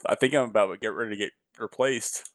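A man's voice: on the low side, fast talker, no room sound. A man co-hosting a podcast in casual chat, restarting his sentences as he earnestly explains things. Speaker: podcast co-host.

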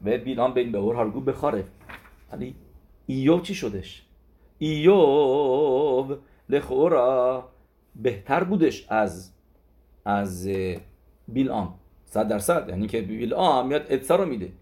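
Male Torah teacher, conversational lesson, animated storyteller. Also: medium pitch. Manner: animated storytelling with repeated "he says" and restarts. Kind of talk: Torah lesson in casual spoken Persian.

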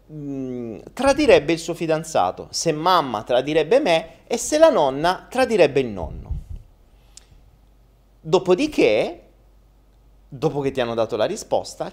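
A man's voice: mid-range voice, a little mellow. A man telling a joke in a casual, rambling, self-deprecating monologue. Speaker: storyteller.

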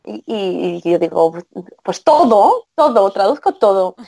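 On a casual podcast, a guest translator from Spain talks in a medium-pitched voice with vocal fry and a measured pace. Her Spanish accent comes through as she animatedly performs the lines she quotes.

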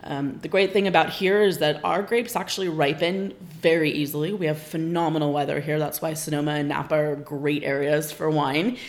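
Low-voiced woman explaining wine patiently. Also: steady tone, brisk, hardly any pauses. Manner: informative, patient explainer with frequent um fillers. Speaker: winery guest explaining wine. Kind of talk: casual podcast interview.

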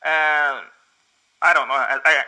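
This man's voice is fairly high, steady in tone, slow, bright, and forceful, captured in a rough recording. He's a Brazilian guest with a Portuguese accent who is learning English, and during the casual conversation he hesitates, hunts for words, and uses plenty of fillers and restarts.

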